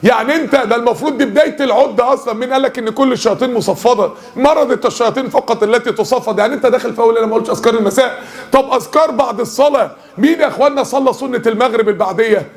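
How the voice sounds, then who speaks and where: A man with an Egyptian Arabic accent preaches in a mosque lesson. His voice sits very high and he talks fast. He jokes and keeps asking the crowd questions. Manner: lively, joking, asks the audience questions.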